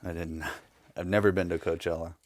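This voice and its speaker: A man's voice: low-pitched, little pitch movement, brisk, a little mellow, no echo. A man in casual podcast chat, easygoing and laughing often into a close mic.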